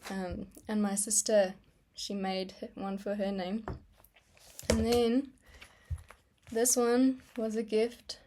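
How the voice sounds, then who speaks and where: In a slow, level voice of medium pitch, a young Afrikaans-speaking artist vlogger rambles casually about her work while she stamps and sketches at her desk, frequently saying um and laughing a little. The background is noisy.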